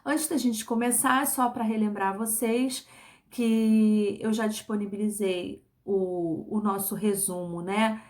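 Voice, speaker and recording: Slow, patient Brazilian woman teacher. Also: mid-range voice, fairly even intonation, a little mellow. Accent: Brazilian Portuguese. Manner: slow, patient, repeats words and syllables, frequent tag questions. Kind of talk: recorded online class for children.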